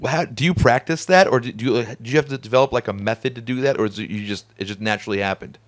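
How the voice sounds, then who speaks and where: A man hosting a casual studio conversation, talkative and animated, laughing often. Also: medium pitch, rapid-fire. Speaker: podcast host. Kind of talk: casual chat.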